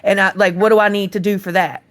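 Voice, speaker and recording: A woman's voice: mid-range voice, steady tone, fast. Frustrated woman, exasperated caller, blunt and profane. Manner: frustrated, swearing, repeats herself. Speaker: benefits recipient on a phone call. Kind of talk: phone call and angry venting.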